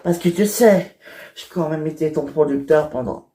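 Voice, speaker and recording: A woman's voice: low voice, moderate pace, mellow, natural voice. A woman voicing a cheeky, boastful middle-aged man who rambles, chuckles between phrases and stumbles over fillers. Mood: sly. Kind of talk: toy-figure fan series voice acting. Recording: electronic music playing behind.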